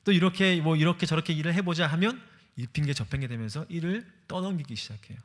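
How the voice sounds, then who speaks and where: Young male preacher, higher voice, very expressive delivery, dramatizes the dialogue. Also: fast. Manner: animated storytelling, acts out quoted speech. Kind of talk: sermon.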